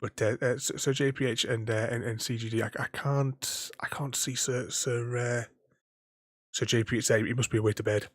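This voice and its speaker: Stuttering streamer, husky voice. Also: male voice, medium pitch, fairly even intonation, normal speed, dry recording, clean studio sound. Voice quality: stutters, repeats words. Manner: chatty, laughs often, thanks viewers warmly. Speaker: gaming streamer. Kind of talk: casual livestream chat.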